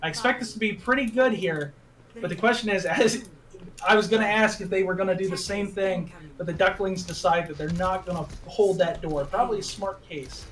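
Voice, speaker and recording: A man doing play-by-play esports commentary, excitable and laughing at his own slips of the tongue. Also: high voice, a little fast. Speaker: esports caster. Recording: distant mic with background noise.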